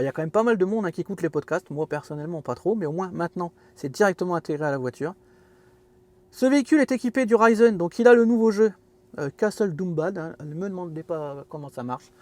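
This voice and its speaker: A man's voice: high voice, darkish tone. A man hosting a casual car walkthrough from inside his parked car, chatty and fond of self-mocking jokes. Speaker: car video host.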